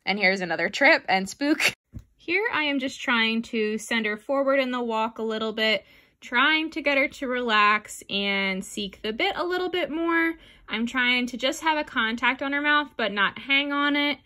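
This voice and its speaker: A young woman talks casually over her own riding footage in a voice-over. Her tone is bright and clear. She is chatty and self-deprecating and often drops in "like". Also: fairly high pitch, moderate pace. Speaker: equestrian vlogger.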